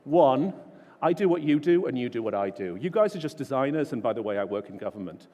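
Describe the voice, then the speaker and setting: A man's voice: medium pitch, very animated, fairly quick, warm tone. Casual man giving a keynote in a hall. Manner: informal, self-deprecating, storytelling. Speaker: conference speaker. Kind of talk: keynote talk. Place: large conference hall. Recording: long hall reverb.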